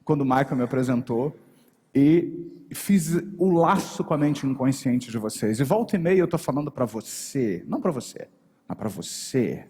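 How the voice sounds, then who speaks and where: A man's voice: mid-range voice, normal speed, husky. Brazilian man lecturing on a stage. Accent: Brazilian Portuguese. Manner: animated, shifts intonation to address the audience directly. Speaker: NLP and hypnosis trainer. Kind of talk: live workshop lecture. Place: stage before a live audience. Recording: long hall reverb on a stage voice.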